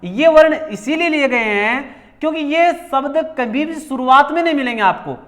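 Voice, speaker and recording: A man's voice: very high-pitched, animated, normal speed, fairly bright tone. A male teacher giving a classroom grammar lesson, repeating key words and asking questions that he answers himself. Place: coaching class.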